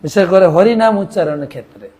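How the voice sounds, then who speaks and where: A man's voice: high voice, quick pace, warm tone. A man delivering a devotional sermon, breaking into a singsong chant of the mantra and mimicking how other regions pronounce it. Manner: chants the mantra in a singsong rhythm between spoken teaching; imitates other regions' pronunciations. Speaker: preacher.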